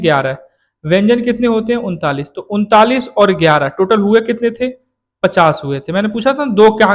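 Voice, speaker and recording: High-voiced man teaching a lesson. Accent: Hindi, from eastern Uttar Pradesh. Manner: asks questions and answers them himself, drops low on answers. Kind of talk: classroom lesson.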